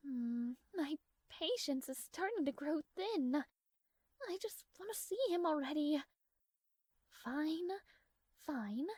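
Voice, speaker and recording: In this romantic audio roleplay, a woman voices a tsundere princess who speaks to the listener in a high, girlish, slightly mellow voice, close and dry. She's haughty and formal, guarded yet fond, quick to get flustered, and here sounds haughty and impatient. Her delivery is expressive and slow, with long pauses.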